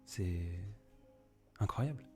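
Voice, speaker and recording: Very slowly and expressively, a young poet hosting a live stream rambles through improvised chat, calling out viewers by name. His low voice is warm, with faint music in the background.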